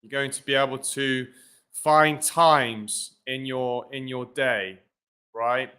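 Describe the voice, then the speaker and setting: A man's voice: mid-range voice, fairly even intonation, slow, bright, forceful tone, smooth. A man teaching English pronunciation in a live-streamed lesson, talking informally and often checking in with "right?" and "guys" between fillers.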